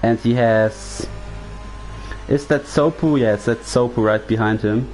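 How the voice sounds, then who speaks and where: Leading a chatty English sim racing broadcast, a native German speaker keeps asking his co-host questions to guide the conversation. He speaks in an unhurried, mid-range voice with a darkish tone. The low-quality recording has a little hiss or hum and faint background music.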